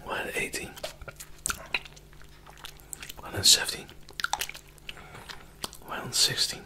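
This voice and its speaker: A young man whispering ASMR in an unvoiced, breathy whisper, counting with lollipop mouth sounds between the words. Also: slow pace. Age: young adult. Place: small living room, indoors.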